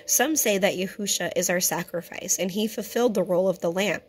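Speaking a little fast at medium pitch, a hoarse woman who leads a Torah fellowship keeps clearing her throat while teaching scripture in a home-made video. She is earnest and chatty, addressing viewers as brothers and sisters, with a faint hiss or hum behind her.

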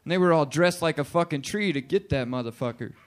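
A man doing a crude, animated stand-up routine in a bar and grill, acting out characters as he goes. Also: fairly high pitch, quick pace. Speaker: stand-up comedian.

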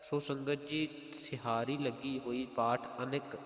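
A man with a Punjabi accent teaching how to pronounce scripture. He chants each verse slowly, then explains its spelling step by step. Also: mid-range voice, level tone, a bit bright, faint music behind. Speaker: Gurbani recitation teacher. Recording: roomy echo with long reverb.

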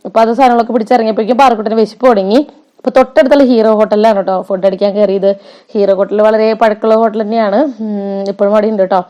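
A woman's voice: medium pitch, mellow, clear, resonant tone. A young woman, chatting casually over a shopping vlog as its host and often adding little tag words and fillers. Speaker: vlogger.

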